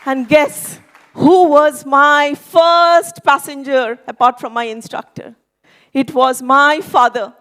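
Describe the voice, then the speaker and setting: A woman with a notably high voice delivers a motivational contest speech. She speaks slowly, in a theatrical way that sounds memorized, leaving deliberate pauses between phrases. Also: steady tone, a bit bright. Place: school hall speech contest stage.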